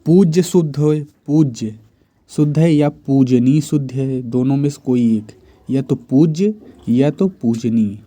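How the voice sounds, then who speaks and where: A man's voice: mid-range voice, measured pace, warm tone, no room sound. A man teaching Hindi grammar for exam preparation, reciting correct spellings in short, repeated phrases. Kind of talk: exam-prep spelling drill.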